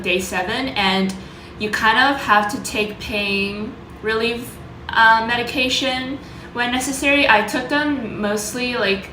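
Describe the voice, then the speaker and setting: A woman vlogger talking informally about her own experience, loosely worded and pausing to search for words. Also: mid-range voice, pushed and bright, roomy sound, slight background noise, low-quality recording. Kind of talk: casual vlog talk, sharing personal experience and tips.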